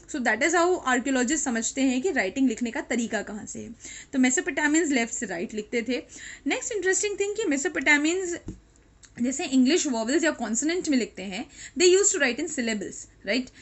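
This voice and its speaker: Indian woman teacher, high voice, explanatory lecture style mixing Hindi and English. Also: a bit bright. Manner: explanatory, mixes Hindi and English, checks in with "right?". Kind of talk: classroom lecture.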